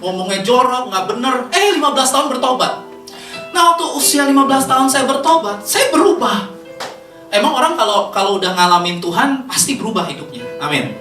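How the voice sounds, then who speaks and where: Brief: chatty Jakarta-accented woman preacher, bright lively voice, echoey church hall with faint music. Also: a little high, a little fast, recorded from a distance. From Indonesia. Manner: chatty, laughs often, lively. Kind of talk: sermon.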